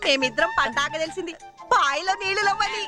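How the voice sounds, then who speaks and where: An actress playing a simple, chatty young wife in comic film dialogue. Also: female voice, extremely high pitch, expressive, quick pace, over loud music.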